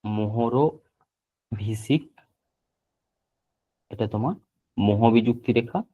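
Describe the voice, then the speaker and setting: A man teaching a geography class online, repeating key terms slowly so students can write them down. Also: fairly low pitch, fairly even intonation, breathy edge. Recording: tinny phone-like line.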